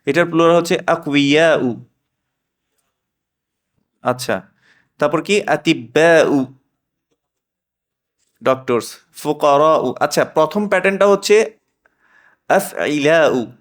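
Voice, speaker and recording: Male teacher, middle-aged; unhurried, quizzes students. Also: fairly high pitch. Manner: patient, drilling, asks students questions. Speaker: Arabic teacher. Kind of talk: classroom language lesson.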